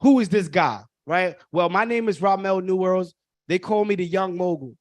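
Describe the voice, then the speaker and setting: A man's voice: high voice, normal speed, no echo. A man, hosting a live online workshop in an emphatic, repetitive way and calling the audience y'all. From Brooklyn. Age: 30s. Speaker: workshop host.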